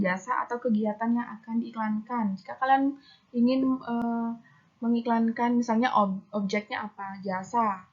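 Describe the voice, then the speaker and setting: A woman teaches a recorded lesson, explaining patiently and reading out examples. Her voice sits a little high. The recording sounds dull and lo-fi. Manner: explains step by step, reads examples aloud with fillers.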